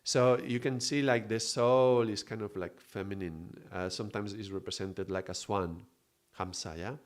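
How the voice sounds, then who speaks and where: A man from Mallorca, teaching on a spiritual live stream in an unhurried, reflective way and greeting viewers. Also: lowish voice, fairly even intonation. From Mallorca, Spain. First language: Spanish.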